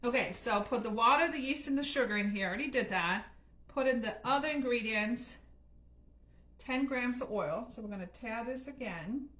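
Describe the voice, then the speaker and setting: A woman's voice: a little high, normal speed, a bit bright. A woman from Germany chatting through a live home baking session in her kitchen, laughing often and talking straight to viewers. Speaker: home cooking livestream host. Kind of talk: casual live cooking chat.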